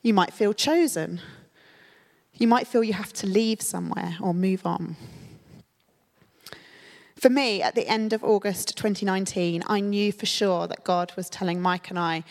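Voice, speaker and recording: Delivering a sermon, a woman church leader speaks conversationally and unhurriedly, her mid-range voice a bit croaky from a cold and dotted with little filler pauses. The church hall gives her words a long, echoing reverb.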